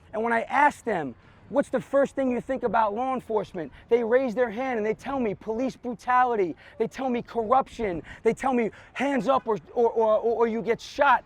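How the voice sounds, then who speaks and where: A middle-aged man with a notably high voice delivers a motivational pep speech to a group. He is earnest and emphatic, repeating phrases for weight and checking in with short tag questions. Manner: earnest, emphatic, repeats phrases for effect, tags with "right?" and "okay?". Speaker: police officer and motivational speaker. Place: outdoors on a sports field.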